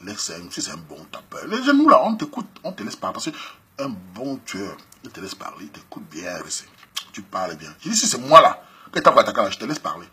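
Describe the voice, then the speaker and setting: A man with a Cameroonian French accent, hosting a show where he comments on a listener's letter and gives advice in a lively, slangy style, laughing often and swinging between loud outbursts and low asides. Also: fairly quick, a little hiss or hum. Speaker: host.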